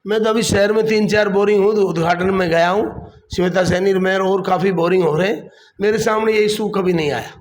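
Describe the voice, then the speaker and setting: A man's voice: sits high, fairly even intonation, brisk, slight background noise. A man, a district council chief answering a political interview defensively and repeating his points.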